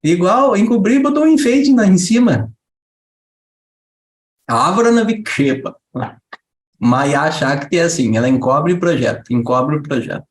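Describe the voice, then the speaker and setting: A man giving a lively spiritual talk to a group, asking rhetorical questions and briefly acting out a child and a mother. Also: on the high side, moderate pace, pauses often, reverberant. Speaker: spiritual teacher.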